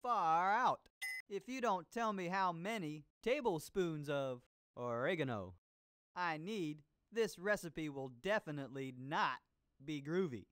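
In an educational game, a man plays a hammy, groovy TV cooking show host from the disco era, with an expressive voice on the high side. He's upbeat, stretching out words and tossing around showy 1970s disco slang as an exuberant showman, while loud music plays under his voice.

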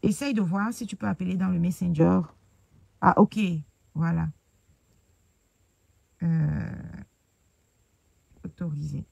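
A woman hosting a casual live stream, talking hesitantly and filling pauses with "euh" while she searches on her phone. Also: fairly low pitch, creaky, darkish tone, slightly rough, dry recording.

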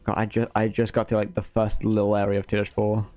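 A man's voice: on the low side, monotone, quick pace, dark tone, no room sound, faint music behind. A young man in casual banter during a speedrun race, laughing often. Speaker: rival speedrunner. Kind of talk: casual chat while gaming.

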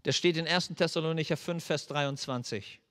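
A male pastor preaching a sermon, earnestly asking his listeners direct questions and turning soft and low as he leads into prayer. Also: brisk. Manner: drops to a soft, low voice when leading into prayer. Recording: long hall reverb.

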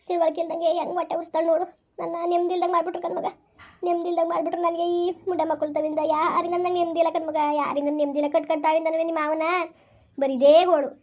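A woman's voice: sits high, a little mellow, muffled recording, close to an everyday voice. A woman playing a weary, lamenting village mother-in-law. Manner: lamenting, repeats her complaints. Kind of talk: village family drama.

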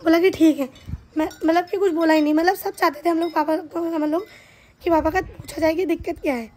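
A woman with a high voice tells a family story in a casual vlog. She talks animatedly and acts out what each person said. She is recording in a home kitchen. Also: fairly quick, slight background noise. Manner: animated, retells events with quoted dialogue. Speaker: family vlogger.

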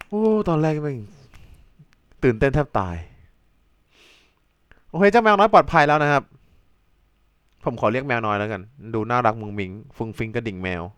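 A man hosting a let's play, talking excitably over the game and yelping and swearing when things get tense. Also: mid-range voice, normal speed, long pauses, clean tone, no room sound. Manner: excitable, yelps and swears in panic. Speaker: gaming channel host.

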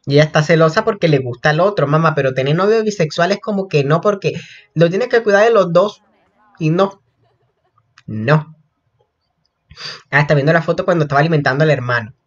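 A young man giving casual, gossipy reaction commentary, excitable and prone to sudden shrieks. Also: on the high side, a little fast, long pauses, highs cut off. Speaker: reaction vlogger.

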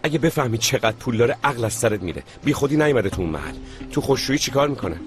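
A man's voice: medium pitch, lively intonation, lightly acted. A man voicing a suspicious young man who keeps meddling, in a dubbed TV drama, insistent and persuading. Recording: dubbed dialogue over loud score music.

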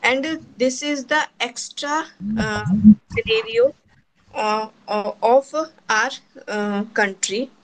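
A woman with a North Indian accent and Hindi as first language, haltingly presenting as an English learner in an online class. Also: fairly high pitch, fairly bright tone, rough recording. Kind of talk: halting speaking-practice presentation.

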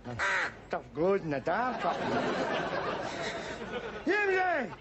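A man's voice: on the high side, very animated, normal speed, muffled recording, a loud crowd, very noisy. An actor playing a belligerent, mouthy middle-aged working-class man from Glasgow, with a strong Glaswegian Scottish accent, ranting sarcastically in a TV sitcom. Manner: ranting, sarcastic, bursts of jeering shouts. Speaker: sitcom lead character. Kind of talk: television sitcom acting.

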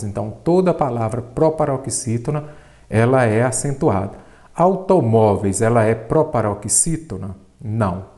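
A man's voice: mid-range voice, darkish tone. A man with a Brazilian Portuguese accent teaching an exam-prep grammar lesson, asking questions and answering them himself. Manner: explanatory, asks and answers his own questions.

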